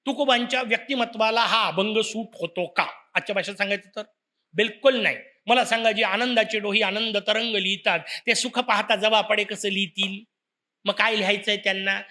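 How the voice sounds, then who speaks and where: A man's voice: sits high, moderate pace. A man giving a devotional lecture, firing rhetorical questions at his listeners and telling stories with playful teasing. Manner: rhetorical questions, animated storytelling. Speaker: religious discourse speaker.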